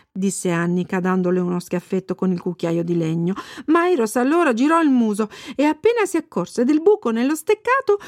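A woman reading a children's story aloud, gentle and expressive. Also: medium pitch, no echo, studio quality.

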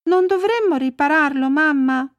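A woman voicing a small eager girl in a storybook reading, high and excited. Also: moderate pace, no echo, close to an everyday voice.

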